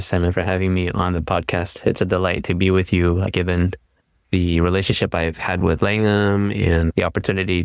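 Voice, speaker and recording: A middle-aged man from California speaks in a measured, thoughtful way as a guest on a podcast. His voice sits low and sounds smooth and clear, with a dry, close sound. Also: dry recording. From California, United States. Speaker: guest scholar. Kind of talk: casual interview.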